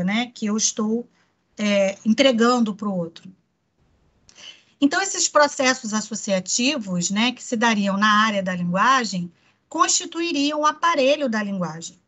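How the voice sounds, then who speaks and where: A woman's voice: high voice, fairly bright tone. A woman with a Brazilian accent, giving a psychoanalysis lecture in an explanatory way, often checking in with the listener. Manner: explanatory, frequent tag questions "né". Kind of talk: online lecture.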